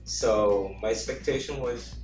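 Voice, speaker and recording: A man's voice: mid-range voice, darkish tone. Interview guest, man, non-native English speaker with a Portuguese first language, hesitant phrasing, recorded far off in a roomy space. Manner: halting, searching for words in a second language. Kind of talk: casual conversational interview. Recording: echoey room from far off, music behind.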